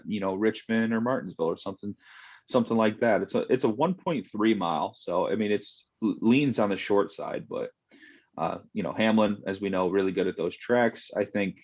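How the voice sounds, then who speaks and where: A man co-hosting a casual fantasy sports podcast, steadily leading the talk by posing questions about picks. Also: lowish voice. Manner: steady, leads the discussion with questions. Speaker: co-host, fantasy sports analyst. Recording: dull lo-fi audio.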